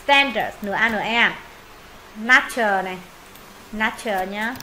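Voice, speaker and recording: A woman's voice: mid-range voice, unhurried, bright, forceful tone, a little hiss or hum, low-quality recording. A woman teaching English pronunciation in Vietnamese, modelling words, repeating them for students and thinking aloud when unsure.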